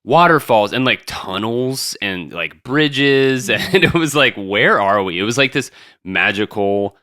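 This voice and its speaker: A man's voice: medium pitch, animated, a little slow, bright, forceful tone, no echo, clean studio sound. A man co-hosting a podcast in casual chat, joking and laughing often as he rambles. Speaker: podcast co-host.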